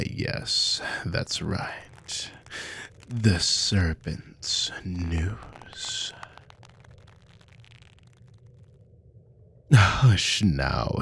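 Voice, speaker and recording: A man playing a cruel, haughty naga army commander in an ASMR role-play, slow and domineering, with a gravelly, breathy voice. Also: deep voice, a little mellow, heavily acted. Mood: menacing, commanding. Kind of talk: scripted ASMR role-play monologue to a captive listener.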